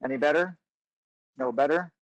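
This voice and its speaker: Brief: man with a higher-pitched voice presenting over a choppy, breaking-up call, dry sound, loose delivery. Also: moderate pace, dry recording, muffled recording. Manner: loose, with fillers and restarts. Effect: breaking-up bad call connection. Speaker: meeting participant presenting slides. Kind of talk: technical work meeting. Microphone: remote video call. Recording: choppy call line, distant at times.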